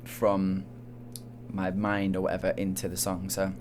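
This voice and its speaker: A man's voice: low-pitched, monotone, a little slow, slight background noise. A young man with a Manchester accent, a soul singer talking in a casual interview, hesitant and full of fillers. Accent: Manchester English. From England. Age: young adult. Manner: soft-spoken, hesitant, lots of fillers.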